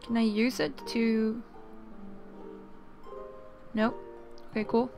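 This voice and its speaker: A woman's voice: on the high side, little pitch movement, slow pace, creaky, darkish tone. A woman giving casual gameplay commentary as a let's play host, musing and thinking aloud. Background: game music.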